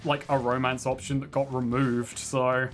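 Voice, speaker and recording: A man's voice: medium pitch, level tone, moderate pace, faint music behind. A man streaming a video game, chatting casually, laughing often and swearing in playful exasperation.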